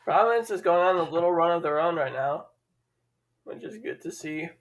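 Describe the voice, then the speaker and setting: Heard through a low-quality recording, a man with a slightly high, animated voice and a Chicago accent co-hosts a casual sports stream. He calls plays quickly and pokes fun at his partner.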